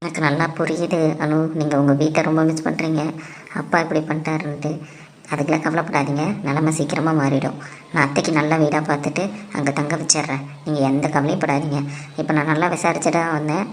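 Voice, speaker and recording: A woman voicing a gentle young cartoon husband. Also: sits low, level tone, fast, slight background noise, lightly acted. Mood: comforting. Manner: gentle, comforting. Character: kind, reassuring young husband. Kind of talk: cartoon voice acting. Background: music.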